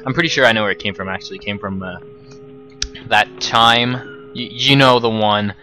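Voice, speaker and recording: A man's voice: on the low side, moderate pace, sharp tone, faint music behind, poor audio. A man giving casual let's play commentary, rambling and chatty, self-deprecating. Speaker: gameplay commentator.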